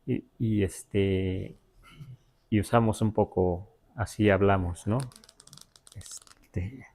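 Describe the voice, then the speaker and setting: A man with a Mexican Spanish accent teaching a language class, halting with many fillers and spelling words out syllable by syllable. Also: fairly low pitch, fairly even intonation, darkish tone. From Huasteca, Mexico. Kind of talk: live class explanation.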